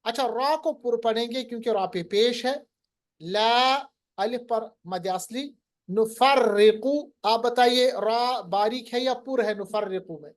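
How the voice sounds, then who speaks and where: A man teaching Quran recitation in a lesson, quizzing his student and slowly drawing out recited words. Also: very high-pitched. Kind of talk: online lesson.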